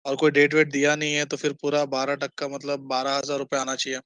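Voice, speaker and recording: A man's voice: mid-range voice, monotone, a little fast, fairly bright tone, no echo. A man teaching an online accounting class, quizzing students and mixing English terms into his Hindi.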